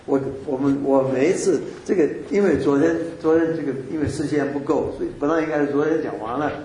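Halting man in an echoey hall. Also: on the high side, dark tone. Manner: halting, many restarts and checks of OK. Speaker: Bible study leader. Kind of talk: giving group-work instructions. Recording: echoey hall, far from the mic, noisy.

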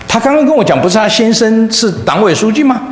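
A male pastor preaches a sermon in a church hall, telling a story fast and animatedly, swinging from loud highs to soft lows. The hall is echoey, with faint room noise.

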